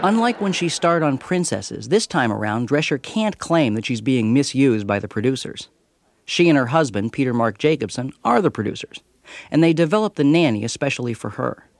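A man's voice: medium pitch, very animated, moderate pace, creaky, no room sound. An American man reading a scripted radio review as a TV critic, with a wry manner.

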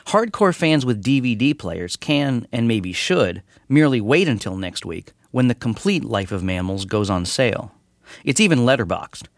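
A man's voice: medium pitch, dry recording, studio quality. An American man delivering a scripted radio review as a television critic. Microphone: close studio microphone.

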